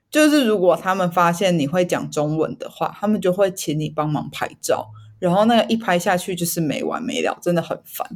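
A woman's voice: fairly low pitch, a little mellow. A woman from Taiwan with a Taiwanese Mandarin accent, hosting in a casual chatty way and dropping in the odd English word. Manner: drops English words into Mandarin. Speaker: podcast host. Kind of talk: casual chat.

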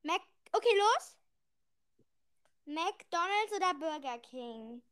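A woman's voice: very high voice, expressive, takes it slowly, fairly bright tone. A woman in casual, playful chat, asking questions as a partner in a challenge.

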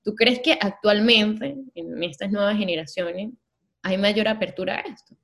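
A woman conducts a casual interview in a medium-pitched voice. She engages closely with her guest and asks probing follow-up questions. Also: moderate pace, fairly bright tone.

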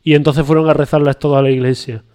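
A man's voice: fairly high pitch, flat delivery, fast talker, mellow. A man hosting a casual chat podcast, joking and spinning absurd stories in a mock-serious tone. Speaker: podcast host.

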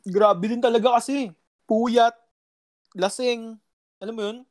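A man's voice: very high-pitched, steady tone, unhurried. A young man telling a story in a casual chat, rambling with lots of fillers and mild swearing.

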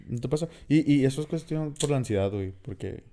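Casting: young man, northern Mexican accent, mid-pitched and rapid, slangy sweary podcast storyteller. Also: animated, dark tone, a little hiss or hum. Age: young adult. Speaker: podcast host. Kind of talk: casual chat with personal storytelling.

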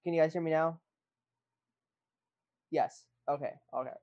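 A man's voice: a little high, fairly even intonation, measured pace, lo-fi sound. A man co-hosting a casual news discussion over a remote call whose audio keeps dropping out and cutting back in. He halts, restarts, and checks whether he can be heard. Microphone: remote call microphone.

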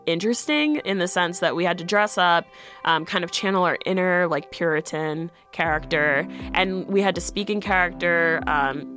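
A woman's voice: lowish voice, fairly bright tone. A woman from the United States telling a personal story in a chatty way, full of "like". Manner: chatty, fillers of "like" throughout. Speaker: guest storyteller.

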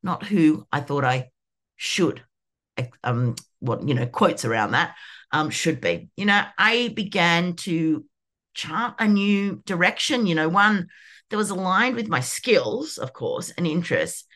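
Candid, animated woman in her fifties. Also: on the low side, a little slow. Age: 50s. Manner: animated, candid, peppered with "you know". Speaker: podcast host. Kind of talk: personal reflective monologue.

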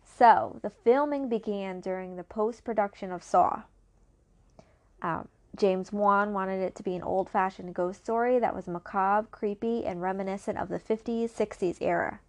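A woman with a mid-range voice, speaking at normal speed, co-hosts a casual movie podcast. She enthusiastically shares trivia, teases her co-host, and chats in a relaxed movie-review style.

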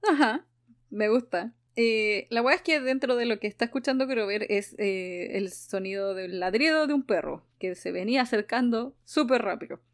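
A woman's voice: a little high, normal speed. A woman with a Chilean accent hosting a casual podcast chat, recapping a book with lots of laughter and acted-out quotes. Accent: Chilean Spanish. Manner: lively, laughs often, acts out quoted lines. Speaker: podcast host.

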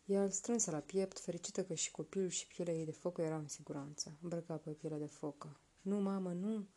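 Woman storyteller, folk tale reading, hushed and slow, low mellow voice. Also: flat delivery. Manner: soft, slow, hushed narration.

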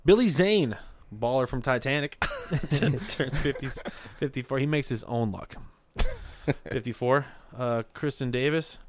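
Jokey male podcast host, lively pitch. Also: a little slow, noisy background. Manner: jokey, reading off a list with asides and loud laughs. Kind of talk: casual podcast chat.

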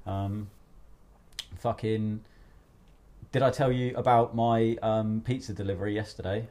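A man hosting a podcast in casual, sweary chat, telling stories in an animated, blokey way. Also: on the low side, a little slow. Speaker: podcast host.

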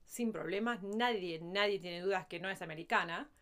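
A woman's voice: on the low side, normal speed, fairly bright tone. A woman with a light Argentine accent, chatting casually as a podcast co-host and telling stories with asides. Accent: light Argentine Spanish. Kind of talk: casual chat.

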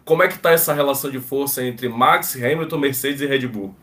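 A man's voice: medium pitch, fairly quick, fairly bright tone, distant mic. A man with a Brazilian accent hosting a casual sports podcast chat. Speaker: podcast host.

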